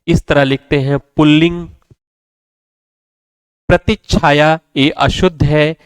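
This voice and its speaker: Teacher drilling spelling, crisp voice. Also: male voice, medium pitch, no room sound. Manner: repetitive, drills words and asks rhetorical questions. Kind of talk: classroom lecture.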